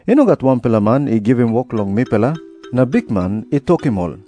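A man with a Papua New Guinean accent giving an expressive scripted Bible reading. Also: mid-range voice, fairly quick, soft background music. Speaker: Bible reader voicing Jesus's parable.

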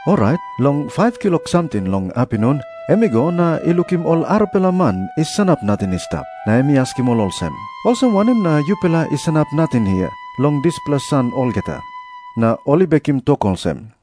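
A man with a Papua New Guinean accent giving an expressive scripted Bible reading. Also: a little high, brisk, over music. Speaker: Bible reader voicing Jesus's parable.

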